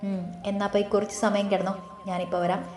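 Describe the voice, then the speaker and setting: A woman's voice: mid-range voice, flat delivery, quick pace, a little mellow, a little hiss or hum, lightly acted. A woman reading as a protective young husband. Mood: caring. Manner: scolding then soothing. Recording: roomy echo.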